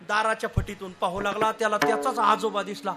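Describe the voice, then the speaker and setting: A man telling a devotional story as a kirtan preacher, animated and often laughing, a little unwell and slow on some words. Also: high voice. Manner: animated, acts out voices of villagers, laughs often. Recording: music behind the voice.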